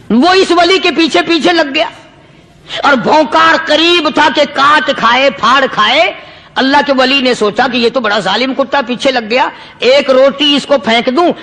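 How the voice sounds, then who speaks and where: A man's voice: extremely high pitch, gravelly, pushed and bright. A man preaching a sermon, telling a story with emphatic repetition. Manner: storytelling, emphatic repetition, chanted Arabic verses.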